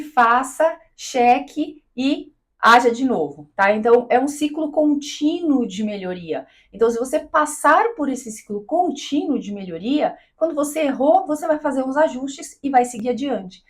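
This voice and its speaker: A woman from Brazil giving an explanatory talk to camera as a coach, didactic, checking in with her listener often. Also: on the high side. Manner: didactic, checks in with "tá?" and "né?", acts out quoted voices. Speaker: business and mindset coach.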